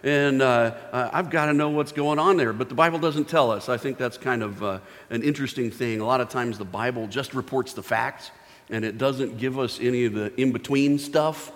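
A man's voice: mid-range voice, normal speed. A man preaching a sermon, telling a Bible story in a casual, playful way with many filler words. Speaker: pastor. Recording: long hall reverb.

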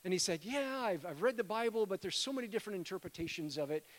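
A man's voice: sits high, lively intonation, quick pace. A middle-aged man preaching a sermon in a church, talking to the congregation in a conversational way and calling them friends. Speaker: guest preacher, missionary. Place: church sanctuary. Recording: long hall reverb.

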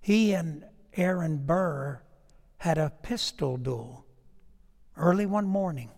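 Preacher, male, higher voice, folksy storytelling sermon, echoing church hall. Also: animated, takes it slowly, creaky. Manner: conversational storytelling preaching, rising and dropping to a hush.

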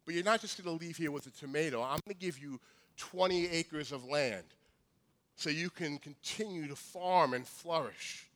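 A man voicing a wise, quietly firm king in a sermon story, speaking low and measured. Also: natural voice. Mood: calm.

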